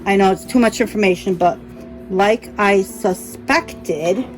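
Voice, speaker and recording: Slow-talking woman cooking at home. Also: medium pitch, soft background music, poor audio. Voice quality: mild speech impediment. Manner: chatty, thinks aloud, self-correcting asides. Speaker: cooking vlogger. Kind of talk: casual kitchen narration while cooking. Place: home kitchen.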